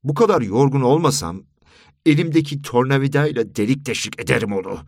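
A man's voice: mid-range voice, animated, a little fast, no room sound. A man narrating a first-person story in a weary, dry storytelling manner. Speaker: audiobook narrator.

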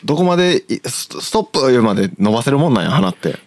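A man's voice: medium pitch, sing-song, very fast, dry recording. A man with a Kansai accent, co-hosting a casual comedy podcast, mostly listening and adding short reactions and questions. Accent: Kansai Japanese. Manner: attentive listener, frequent short backchannels. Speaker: podcast co-host.

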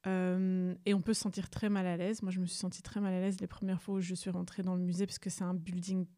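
A woman's voice: on the low side, level tone, fast talker, mellow, no echo, studio quality. A young adult woman from Rwanda, answering interview questions about her museum work with frequent fillers and restarts. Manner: hesitant, many fillers and restarts. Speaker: museum staff guest.

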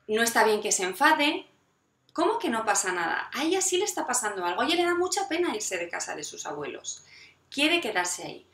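A woman's voice: high-pitched, roomy sound. A woman from giving parenting advice, acting out little quoted exchanges between parents and children. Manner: animated, acts out quoted dialogue with parents and children. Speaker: parenting educator.

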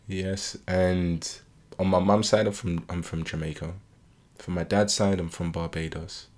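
Podcast co-host, British man, very low voice, curious and probing. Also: steady tone, unhurried, a little mellow. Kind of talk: casual chat.

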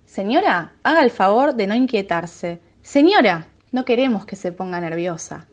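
A woman's voice: mid-range voice, lively intonation, moderate pace, dull audio, close to an everyday voice. A woman acting a bureaucratic clerk who follows instructions, formal, evasive and politely dismissive. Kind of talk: radio sketch acting.

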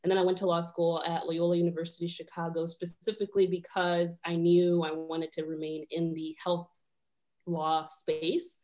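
Chatty young woman, slightly low voice. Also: flat delivery, moderate pace, darkish tone. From Rwanda. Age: 20s. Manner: chatty, many fillers, laughs easily. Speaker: guest lawyer. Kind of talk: casual podcast chat.

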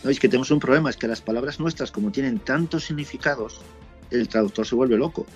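A man from Spain chatting casually and telling lively stories about his motorcycle trip. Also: medium pitch, quick pace, soft background music. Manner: lively storyteller, swears casually. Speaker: motorcycle traveler guest. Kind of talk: casual chat.

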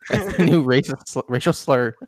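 A man's voice: a little high, a little slow, a little mellow, dry recording. A male podcast host in casual chat, answering with wry, exasperated remarks.

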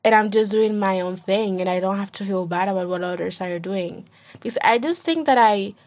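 A young woman hosting a casual solo podcast, rambling with lots of "like" and restarts, and acting out what others say in a higher voice. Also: normal speed, a little mellow. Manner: rambling, heavy use of "like", acts out quoted friends in a higher voice. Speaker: podcast host.

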